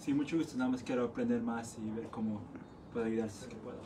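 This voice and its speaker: A man's voice: mid-range voice, fairly even intonation, fast talker. Shy young-sounding man from Peru. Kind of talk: self-introduction at a meeting. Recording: distant camera mic, room noise.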